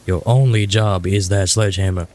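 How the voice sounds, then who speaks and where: A man's voice: sits low, steady tone, normal speed, darkish tone, a little hiss or hum, lightly acted. A man playing a soldier on a survivor squad in an improvised game, casual and plain-spoken. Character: male soldier on survivor squad in role-play. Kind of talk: improvised online game role-play.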